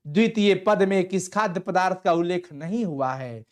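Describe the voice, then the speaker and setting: A man's voice: high voice, moderate pace. A male teacher runs a live online exam-prep class. He fires off questions, repeats each answer several times and drops in playful local asides.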